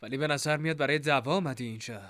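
A man's voice: mid-range voice, fairly bright tone, no room sound, clean studio sound, lightly acted. A man doing a blunt, haughty young heir. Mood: suspicious.

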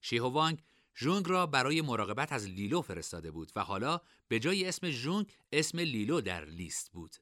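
A man narrating a fantasy novel as an audiobook, his pitch rising and falling with lively expression around a middle register. The tone is bright and forward, and the recording is dry and close with no room sound. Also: dry recording. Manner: expressive, varied storytelling delivery. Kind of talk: scripted narration.

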